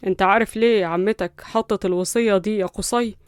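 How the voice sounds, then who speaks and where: A woman plays an earnest middle-aged father in a storybook, with an Egyptian Arabic accent. His voice is smooth and clear, the pace quick, the recording dry. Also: medium pitch, fairly even intonation, no room sound, close to an everyday voice.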